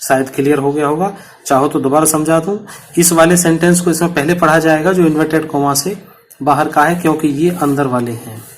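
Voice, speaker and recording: A man's voice: on the high side, fairly even intonation, a little fast, a little hiss or hum. A man teaching a punctuation lesson to students, explaining patiently and repeating each example.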